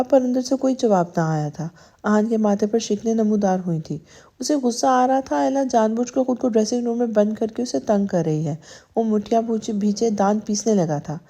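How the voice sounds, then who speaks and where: A woman narrating a romance audio novel in steady, dramatic scripted storytelling. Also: fairly high pitch.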